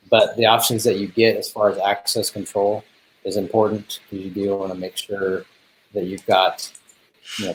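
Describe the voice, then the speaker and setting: A man's voice: lowish voice, a little hiss or hum, low-quality recording. A man co-presenting a business webinar, talking casually and hesitantly with many ums and restarts.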